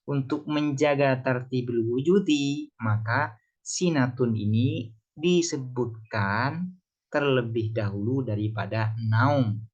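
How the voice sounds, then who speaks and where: A man's voice: mid-range voice, slow pace. A man with an ordinary mid-range voice gives a religious text lesson. He works through the text phrase by phrase, turning each Arabic line into plain speech and posing his own questions before answering them. The recording sounds a little dull and lo-fi. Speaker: religious teacher. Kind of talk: kitab study lesson, translating Arabic text.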